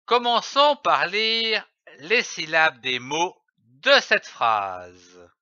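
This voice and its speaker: A man giving a careful phonics lesson, sounding out letters and syllables one at a time. His voice is bright and animated, and it sits a little high. The recording is dry and a bit dull, as if from a close, lo-fi mic. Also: drawn-out words, dry recording. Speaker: reading teacher.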